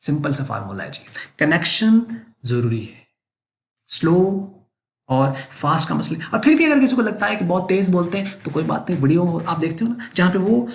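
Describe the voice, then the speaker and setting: A man's voice: on the high side, big pitch swings, normal speed, gravelly. A man teaching accounting in a recorded lecture. He keeps asking rhetorical questions and answering them himself, and he repeats each point for emphasis. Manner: emphatic, repetitive explaining.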